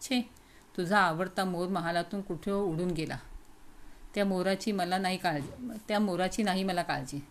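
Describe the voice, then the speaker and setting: Sorrowful queen mother, tearful, soft and low; female reader. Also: moderate pace, slight background noise, close to an everyday voice.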